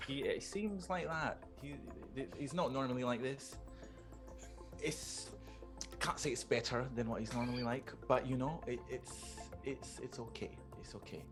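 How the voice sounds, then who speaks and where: A woman playing a tabletop game, talking casually with lots of halting restarts and some swearing. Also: a bass voice, over music. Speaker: player. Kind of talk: casual tabletop role-play.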